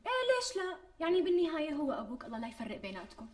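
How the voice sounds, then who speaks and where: An actress playing a pampered, demanding young pregnant wife with a Syrian Damascene accent, wheedling and quick to take offence. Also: female voice, high voice, big pitch swings, darkish tone. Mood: insistent. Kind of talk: TV sketch acting. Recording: distant mic with faint music.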